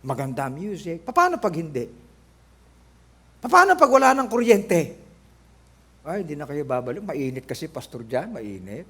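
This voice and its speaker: Animated Filipino man preaching, high lively voice. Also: normal speed, long pauses, slightly rough. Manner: animated, joking, switching between Tagalog and English. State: voice lower than usual. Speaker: pastor. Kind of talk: sermon. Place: church.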